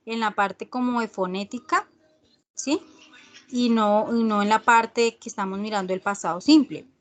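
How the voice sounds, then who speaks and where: Slow, higher-pitched woman teacher. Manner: explains slowly, checks in with "¿sí?" and "¿cierto?"; reads English definitions from slides. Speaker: English teacher. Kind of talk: online class lecture.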